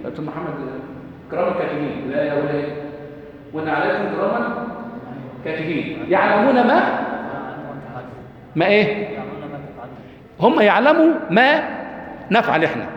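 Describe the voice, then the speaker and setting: A man with an Egyptian Arabic accent giving a lecture on Quran rhetoric, asking his class questions and quoting verses slowly. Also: sits high, expressive. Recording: echoey hall, dull lo-fi.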